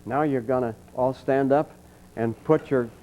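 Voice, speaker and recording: An older man with a dark, mellow voice tells folksy stories and calmly coaches a room of students through slow breathing. The tape sounds dull and lo-fi, like an old archival clinic recording. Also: medium pitch. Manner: folksy, anecdotal, calm coaching. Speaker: trumpet teacher giving a clinic. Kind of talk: storytelling and leading a breathing exercise. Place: college clinic room with an audience.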